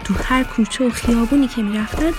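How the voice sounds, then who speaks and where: A woman narrating a storybook for children and speaking affectionately to young listeners. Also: on the high side. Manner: warm, affectionate sign-off to kids. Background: music.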